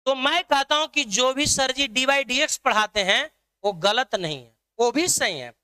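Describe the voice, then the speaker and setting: A man's voice: very high-pitched, expressive, moderate pace, bright, forceful tone, clear, resonant tone. A man teaching an online math lesson, drilling his students with repeated questions.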